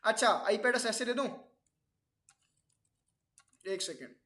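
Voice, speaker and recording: A man's voice: sits high, unhurried, pushed and bright, reverberant. A man teaching a networking class, explaining step by step and often quizzing his students with questions. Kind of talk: classroom lecture.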